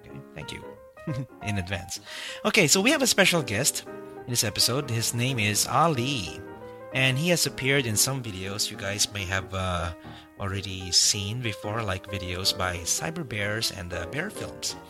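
A man hosts a casual podcast, his voice sitting a little low. He rambles through his points with frequent fillers and restarts while music plays clearly behind him. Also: lively intonation, moderate pace. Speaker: podcast host.

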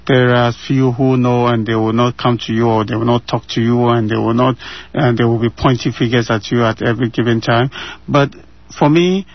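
A Ghanaian man in his thirties answers interview questions with earnest conviction, driving his points home by repeating phrases. His mid-range voice holds a fairly even intonation at a normal speed, and the dry recording sounds a little dull, as though it's coming over a remote line from his home.

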